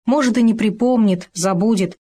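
A woman's voice: medium pitch, normal speed, mellow, close to an everyday voice. Woman doing Khoma, a caring strict hamster. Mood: concerned. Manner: worried, then stern.

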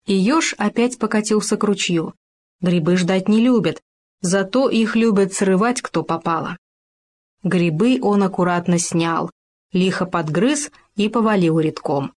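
A woman narrating a children's animal tale in a lively, expressive way. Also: on the low side. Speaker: storyteller. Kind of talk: storybook narration.

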